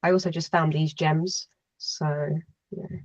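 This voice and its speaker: Deep-voiced hesitant woman, dull audio. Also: flat delivery, a little slow. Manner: hesitant, filler-heavy. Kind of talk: casual meeting chat.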